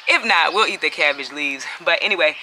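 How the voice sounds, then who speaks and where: Casting: woman garden vlogger, very bright, chatty tone, faint outdoor ambience. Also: deep voice, animated, a little fast, a little hiss or hum. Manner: chatty, laughing, talks to viewers as y'all. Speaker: urban homesteading vlogger. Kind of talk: casual garden vlog chat.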